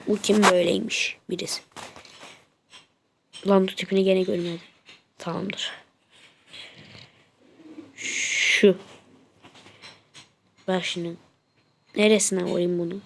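A woman with a flu-blocked, congested nose giving casual gameplay commentary, muttering to herself and then yelling excitedly at the game. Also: fairly low pitch, slow, gravelly, pauses often, slight background noise. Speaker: gaming channel host.

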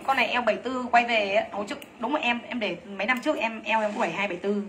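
A bright, quick-talking woman pitching clothes on a live sales stream, voice slightly high. She gushes and teases in a rapid patter, with faint noise behind her. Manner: rapid, teasing, gushing with frequent laughs. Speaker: livestream clothing seller.

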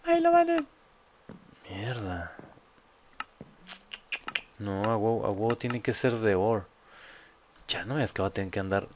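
A man's voice: on the low side, fairly even intonation, a little fast, noisy background. A man with a Mexican accent giving casual, joking let's play commentary full of crude slang. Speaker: gamer host.

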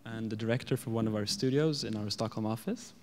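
A young Swedish man, an architect, giving a measured conference presentation from a lectern into a stand microphone in a large dark hall. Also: lowish voice, slight background noise. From Sweden. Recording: long hall reverb.

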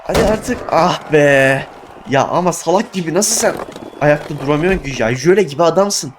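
A young man giving excitable let's play commentary, exclaiming and groaning at his failures. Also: a little high, normal speed, a little hiss or hum. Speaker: gaming YouTuber.

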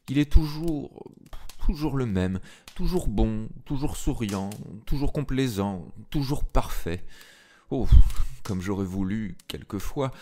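A man voicing an anguished young married woman, confessing in a pleading, impassioned way during a dramatic reading of a literary tale. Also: on the low side. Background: soft piano music.

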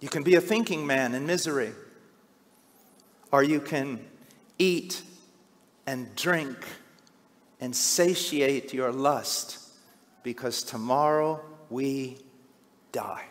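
A middle-aged man preaching a sermon, swinging from hushed, slow passages to loud, shouted cries. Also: medium pitch. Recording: long hall reverb.

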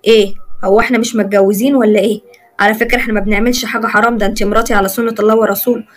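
A woman's voice: mid-range voice, flat delivery, racing, natural voice. A woman voicing an insistent young husband in an Egyptian accent, in a storybook retelling. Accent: Egyptian Arabic.

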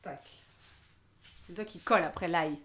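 A woman's voice: lowish voice, a little slow, a bit bright, a little hiss or hum. Chatty young woman cooking in an echoey kitchen. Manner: chatty, self-mocking, laughs often. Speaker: streamer cooking live. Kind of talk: casual live-stream chat while cooking. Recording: roomy kitchen with faint clatter.

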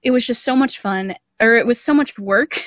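Calling in from a dry room, the young woman, an audio drama creator, gives a long, casual podcast interview full of self-deprecating remarks. Her pitch is fairly high, her pace moderate, and her tone fairly bright with no echo. The remote call audio is somewhat dull and band-limited.

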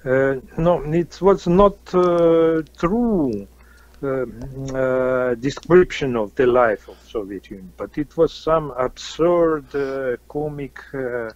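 A man from Kazakhstan with a Russian accent, answering interview questions haltingly with many fillers and restarts. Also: medium pitch, no room sound, highs cut off. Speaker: interview guest, musician.

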